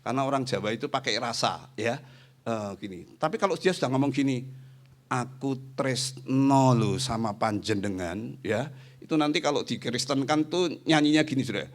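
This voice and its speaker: A middle-aged man preaching a sermon as pastor, animated and often addressing his listeners directly. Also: medium pitch, quick pace. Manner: acts out quoted voices in the talk.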